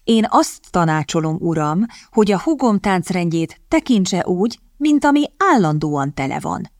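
A woman reading the part of a bold, sharp-witted young English lady who answers politely but cuttingly. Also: lowish voice, sing-song, no echo, clean studio sound. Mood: cool cutting.

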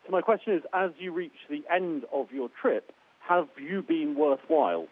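A man's voice: on the high side, moderate pace. A man, a journalist, posing a press question over a radio link. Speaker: newspaper journalist. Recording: narrow, tinny radio link.

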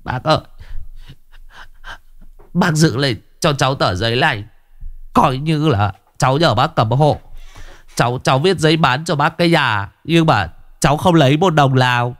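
A man's voice: a little high, moderate pace, long pauses, fairly bright tone, dry recording, voice pushed up, natural voice. A man voicing a desperate young village man who stammers and begs through tears in a ghost story. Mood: tearful pleading. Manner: tearful, stammering pleading. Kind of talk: storybook ghost tale voice acting.

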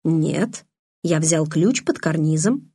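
A woman voicing a calm, gentle, secretive teenage boy in an audiobook, speaking softly and matter-of-factly. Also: low-pitched, slow, slightly rough, no echo, studio quality, exaggerated voice. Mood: quiet, gentle. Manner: soft-spoken, matter-of-fact. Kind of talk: audiobook character reading.

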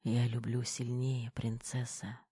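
Man doing wounded young major, weak hushed whisper, gruff, tender, low and dark, dry audiobook. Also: normal speed, dry recording, lightly acted.

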